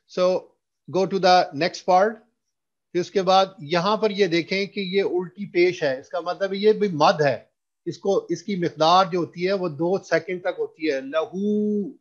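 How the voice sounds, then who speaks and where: A man with a fairly high voice teaches recitation at an unhurried pace. He mixes Hindustani and English, then draws out long chanted verses for his students to repeat. The sound is dull and lo-fi, like an online class.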